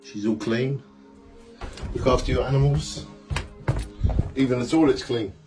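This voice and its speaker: A man in his forties talks into a phone held at arm's length inside a small home. His voice sits at an ordinary middle pitch. He rambles cheerfully and sometimes sinks to a low murmur, with faint music playing behind him. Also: a little slow. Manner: rambling, upbeat, drifting into soft murmurs. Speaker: vlogger. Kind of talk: casual home vlog.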